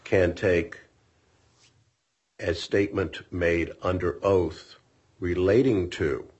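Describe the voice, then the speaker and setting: A deep-voiced appellate judge, slightly rough and darkish in tone, speaks slowly with fairly even intonation. He grills counsel with probing questions at oral argument and often interjects, heard through dull, lo-fi courtroom audio.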